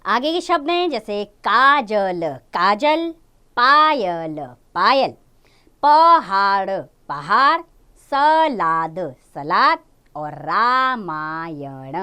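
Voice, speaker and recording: A young woman teaching a Hindi lesson to small children. She draws out each word slowly, repeats it, and coaxes them with questions. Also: medium pitch, sharp tone. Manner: drawn-out syllables when modelling words, repeats each word twice. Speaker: primary school Hindi teacher.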